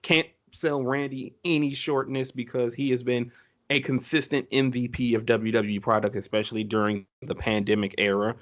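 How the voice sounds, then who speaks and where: A man's voice: on the low side, fairly bright tone, dull audio. A man co-hosting a casual podcast, talking enthusiastically with many fillers and restarts. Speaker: podcast co-host. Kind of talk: casual chat.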